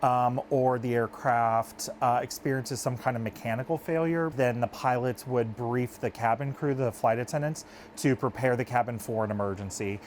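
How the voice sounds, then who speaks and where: A man speaks as a trainer, explaining procedures to a visitor in a casual way. His voice is medium in pitch, and there is noticeable noise behind him. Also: steady tone, normal speed, a little mellow. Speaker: flight attendant trainer. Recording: clear background noise.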